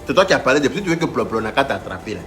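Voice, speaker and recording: A man's voice: medium pitch, sing-song, very fast, fairly bright tone, faint music behind. A man hosting a live stream, mocking a rival and calling on viewers, stammering through restarts.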